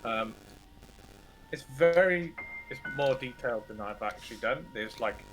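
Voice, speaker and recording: A man improvising narration as a tabletop game master, halting and informal, with the odd mild swear. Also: mid-range voice, animated, fairly bright tone, soft background music, poor audio.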